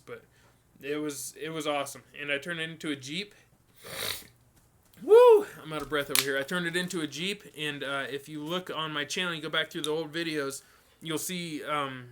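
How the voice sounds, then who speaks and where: Bright-voiced man rambling through live chat questions. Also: a little high. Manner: relaxed, rambling, many ums and restarts. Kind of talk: casual live stream Q&A.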